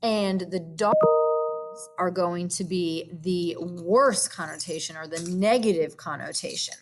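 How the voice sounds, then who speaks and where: A woman teacher patiently walking students through a vocabulary activity, explaining each step with gentle hums and fillers. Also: on the low side, unhurried, loud music behind the voice. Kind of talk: recorded classroom lesson walkthrough.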